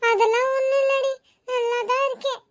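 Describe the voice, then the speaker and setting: A woman's voice: very high-pitched, level tone, fairly quick. A woman voicing a sulky schoolgirl, an older sister who feels overlooked and complains in a mopey way. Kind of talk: cartoon voice acting.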